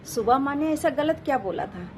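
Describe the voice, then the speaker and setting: Woman doing a sharp, arguing daughter-in-law. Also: high voice, expressive, normal speed, slight background noise, voice pushed up. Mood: lecturing.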